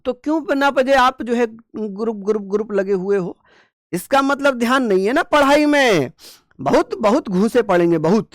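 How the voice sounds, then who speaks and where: A man's voice: very high voice, expressive, normal speed, no echo, clean studio sound. A male teacher giving an exam-prep lecture. He quizzes students with call-and-response questions, chants memory tricks by repeating words, and teases the class playfully.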